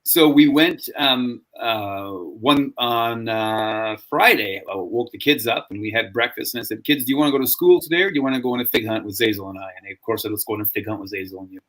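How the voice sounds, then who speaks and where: Guy hosting a chill podcast, mid pitch, keeps restarting his sentences while he tells a story. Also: expressive, brisk, hardly any pauses, fairly bright tone. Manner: rambling storyteller, frequent restarts. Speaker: podcast host. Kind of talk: casual podcast chat.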